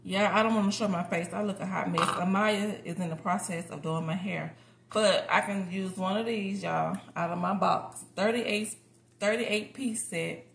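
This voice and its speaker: Cooking at home, an American woman who vlogs about home cooking talks informally and candidly to viewers at normal speed, her gravelly voice medium-pitched and steady. Noticeable background noise fills the roomy indoor kitchen.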